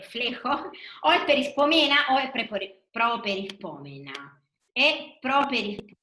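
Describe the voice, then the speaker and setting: Woman teacher, slow and lively, echoey room on a video call. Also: high-pitched. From Argentina. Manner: patient, questioning, affirming answers. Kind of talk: online class lesson.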